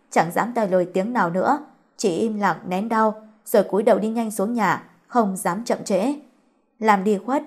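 A woman narrating a domestic romance story in a steady storytelling voice. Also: medium pitch. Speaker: audiobook narrator.

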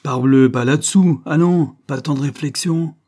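A man's voice: medium pitch, moderate pace, mellow, slightly rough, pitched above the performer's own voice, lightly acted. A man barking as a brutal fairground bully. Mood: harsh, bullying. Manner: barking, sneering orders. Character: brutal male fairground acrobat master, bullying.

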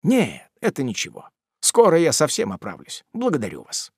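A man voicing a sentimental, lightly wounded young gentleman courting a lady, speaking softly and tenderly. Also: a little high, huge pitch swings, moderate pace, husky, no echo, clean studio sound, heavily acted. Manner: soft, tender and pleading. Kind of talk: audiobook character voice.

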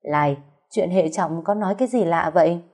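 A woman's voice: fairly low pitch, fairly quick, a little mellow, lightly acted. A woman with a Southern Vietnamese accent voicing a stern older mother-in-law who scolds. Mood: alarmed.

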